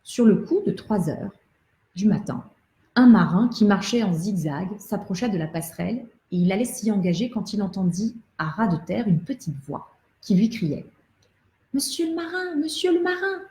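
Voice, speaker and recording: Female storyteller for kids, gentle and expressive, mellow tone, echoey room. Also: mid-range voice, normal speed. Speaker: storyteller for children. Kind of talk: reading a children's book aloud. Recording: roomy echo.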